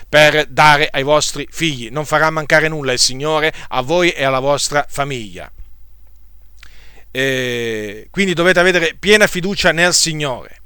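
A man's voice: fairly high pitch, bright, forceful tone, clear, resonant tone, no room sound, studio quality. A man preaching a sermon to his congregation, asking rhetorical questions and urging them on. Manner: rhetorical questions, emphatic exhortations.

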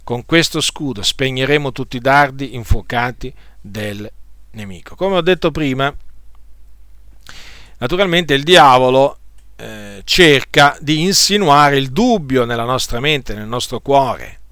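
A man preaching a sermon to his congregation in a deliberate way, often pausing on hesitation fillers and repeating phrases. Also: medium pitch, lively intonation, fairly bright tone, clear, resonant tone, dry recording, studio quality.

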